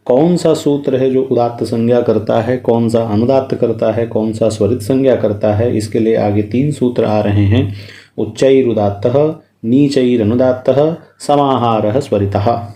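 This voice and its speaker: Male grammar lecturer, mid-pitched, mellow and dark, steady explanatory delivery. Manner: methodical, explanatory, recites sutras slowly. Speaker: Sanskrit grammar teacher.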